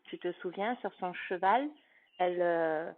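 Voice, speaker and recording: Slow, patient woman teacher on a tinny line. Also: on the low side. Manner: slow, carefully articulated, patient, addressing a child. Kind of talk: phonics lesson for a young child. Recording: tinny phone-like sound.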